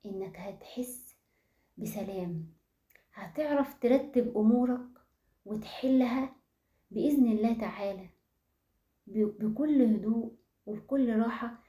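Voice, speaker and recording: A woman with an Egyptian accent gives a motivational talk in a mellow, fairly high voice. She speaks straight to her audience and keeps asking them rhetorical questions. The room adds a clear echo. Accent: Egyptian Arabic. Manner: asks the listeners rhetorical questions; addresses the audience directly. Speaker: self-awareness speaker. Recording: roomy echo.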